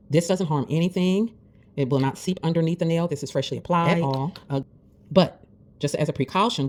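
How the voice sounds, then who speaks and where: With a slightly mellow bass voice, a woman walks viewers through a nail tutorial in easygoing vlog style. Hiccups keep interrupting as she cheers on her besties.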